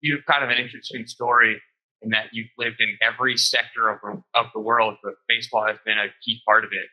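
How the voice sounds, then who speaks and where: A man's voice: mid-range voice, flat delivery, a little fast, bright, forceful tone, low-quality recording. A man hosting an interview podcast, friendly and upbeat, with frequent ums. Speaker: podcast host.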